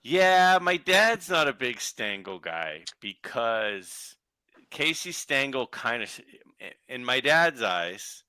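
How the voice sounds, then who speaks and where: A man tells long, rambling stories as a podcast guest, doubling back on himself with quick asides. His voice is strikingly bright and forceful. The sound is dry and close. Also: medium pitch, big pitch swings, smooth, no room sound. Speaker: guest collector. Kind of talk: casual podcast chat.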